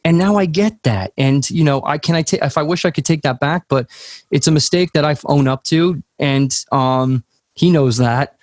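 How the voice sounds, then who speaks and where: A man's voice: on the high side, moderate pace, no room sound, studio quality. A man co-hosting a casual music podcast chat, telling stories in a frank, profane way. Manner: profane, animated storytelling.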